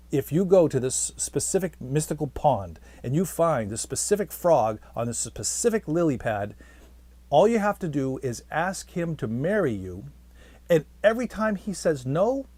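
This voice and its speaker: A man voicing a witch doctor in a joke who calmly gives instructions. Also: on the high side, unhurried, no room sound, pitched above the performer's own voice. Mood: assured. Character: matter-of-fact male witch doctor.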